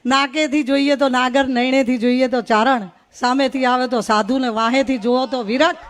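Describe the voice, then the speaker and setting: A woman's voice: high voice, fairly even intonation, moderate pace. A middle-aged woman from Gujarat, giving a humorous, folksy storytelling speech at a religious gathering. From North Gujarat. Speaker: guest speaker at a religious gathering.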